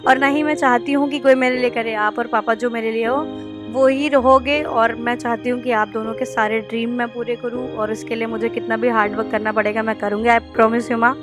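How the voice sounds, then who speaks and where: A woman's voice: on the high side, steady tone, brisk, poor audio. Chatty young woman vlogger over music. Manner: heartfelt, chatty, mixes English words into Hindi. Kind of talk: casual vlog narration. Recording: voice over loud background music.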